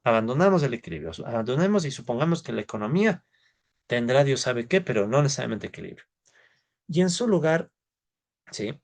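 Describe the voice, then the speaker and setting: A man lectures on economics in a loose, chatty way, peppering his points with quick tag questions to his class. His voice has a gravelly, fry-laden edge, and it sits at a middle pitch. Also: animated, darkish tone. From Ecuador. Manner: conversational, tags sentences with "¿no?" and "¿ya?", thinks aloud. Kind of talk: informal lecture.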